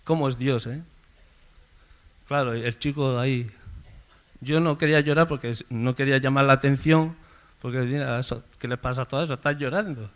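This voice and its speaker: A man preaching a sermon in a conversational storytelling way, calling out names loudly. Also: mid-range voice, fairly even intonation, normal speed. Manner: conversational storytelling, swells loud on names called out. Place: church service.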